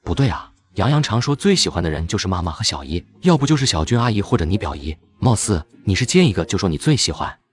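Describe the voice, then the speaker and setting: A man playing a young uncle, a company boss, who teases a little boy in an animated drama. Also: low voice, fast, few pauses, husky, heavily acted. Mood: teasing. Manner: playful teasing.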